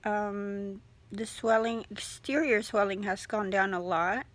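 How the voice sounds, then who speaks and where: A young adult woman vlogs casually about her surgery recovery, her medium-pitched voice steady and her pace measured. Her jaw is sore and stiff, so she keeps her mouth fairly closed, and her articulation comes out slightly impeded.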